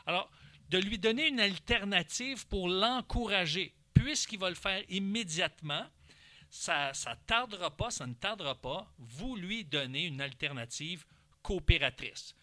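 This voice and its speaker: A man's voice: sits high, unhurried, dry recording. A man with a Québécois accent giving instructional parenting advice, now and then acting out what parent and child say. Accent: Québécois French. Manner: animated, briefly acts out parent and child lines. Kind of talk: instructional talk.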